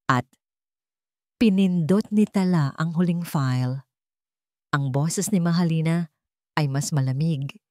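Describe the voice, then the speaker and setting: A woman with a Filipino accent narrates a scripted dramatic story in a low voice with a darkish tone. The recording is dry, with clean studio sound.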